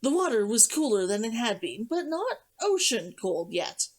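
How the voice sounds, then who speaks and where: A woman reading a novel aloud as a streamer, narrating in an expressive, dramatic storytelling manner. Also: fairly high pitch, moderate pace. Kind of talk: audiobook-style story narration.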